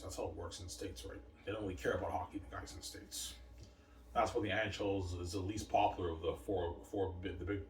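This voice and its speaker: This low, darkish male voice sounds far from the mic, off-mic in an echoey room with a little background noise. A solo vlogger, he talks to himself in a meandering monologue, repeating words and padding pauses with "like" and "man."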